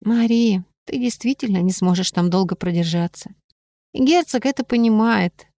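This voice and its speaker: A woman's voice: medium pitch, normal speed, warm tone, dry recording, close to an everyday voice. Woman voicing a scornful young witch. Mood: matter-of-fact. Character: confident young female witch, scornful of mages.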